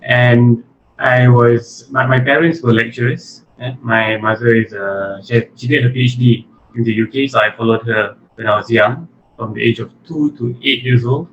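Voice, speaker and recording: Appearing as an interview guest, the head of an animation studio, a man from Malaysia with a Malaysian accent, talks in a relaxed, conversational way. He has a medium pitch, fairly even intonation, and normal speed, captured in muffled lo-fi audio with faint noise.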